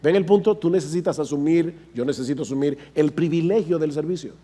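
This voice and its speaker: A man's voice: on the high side, fairly quick, dark tone. A man preaching a sermon, emphatic, repeating himself for stress and speaking straight to his congregation. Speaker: pastor.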